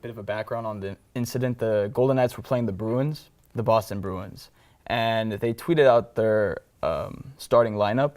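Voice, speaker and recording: A man's voice: on the low side, a little mellow. A young man on a student sports panel, explaining things with hesitant fillers. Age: young adult. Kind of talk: casual panel discussion.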